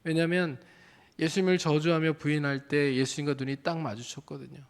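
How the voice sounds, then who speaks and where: A man's voice: a little high, flat delivery, a little fast. A man preaching a sermon as a pastor in a church, speaking earnestly and putting questions to his listeners. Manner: earnest, addresses the congregation with questions.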